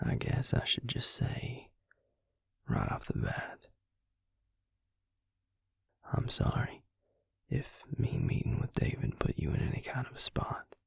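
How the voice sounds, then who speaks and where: Voicing a protective vampire lover devoted to the listener, a man speaks softly and without hurry in a breathy, husky near-whisper for an intimate romantic roleplay. The pace is measured and the delivery close to his everyday voice, gentle and apologetic, with no echo.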